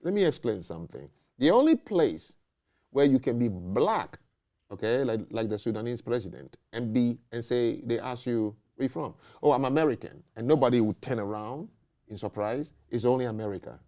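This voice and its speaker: A man's voice: medium pitch, lively intonation, moderate pace, mellow. A man hosting a talk show, making emphatic points and checking in with "okay?" and "you know". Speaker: host. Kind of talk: casual debate talk.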